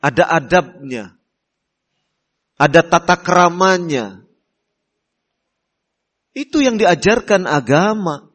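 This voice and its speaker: A middle-aged male preacher delivers a sermon at an unhurried, deliberate pace. His voice sits fairly high for a man, and he leans on "ya" as a filler. He drops into a softer voice to act out polite hosts. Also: lively intonation. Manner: slow, deliberate teaching with frequent "ya" fillers; acts out polite hosts in soft voice. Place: Islamic boarding school hall.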